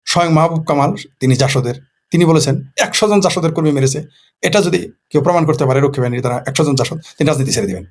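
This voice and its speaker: A man's voice: on the high side, expressive, quick pace. A man from Bangladesh, a political commentator in a casual late-night monologue who poses rhetorical questions and answers them himself.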